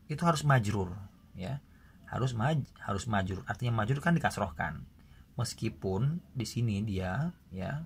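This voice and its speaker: A man's voice: fairly low pitch, creaky, a little hiss or hum. A man teaching Arabic grammar, explaining step by step and checking in with his students after each example. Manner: explains patiently, with frequent "gitu ya" check-ins. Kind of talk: classroom grammar lesson.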